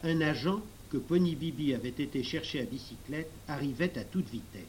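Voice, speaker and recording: A man reading a children's novel aloud in measured storybook narration. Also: fairly high pitch, darkish tone, slight background noise, poor audio. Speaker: audiobook narrator.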